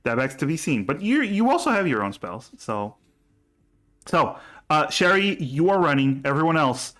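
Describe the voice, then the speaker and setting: A man's voice: on the high side, sing-song, fairly bright tone. Hesitant man running a tabletop game. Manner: hesitant, halting, repeats himself. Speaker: game master. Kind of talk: narrating and refereeing a tabletop role-playing game.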